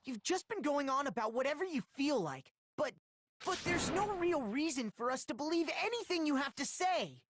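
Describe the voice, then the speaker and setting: A woman's voice: high voice, big pitch swings, normal speed, over music. A woman playing an earnest, defiant teenage schoolboy hero in a video game, indignant and emphatic. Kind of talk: English video game voice acting.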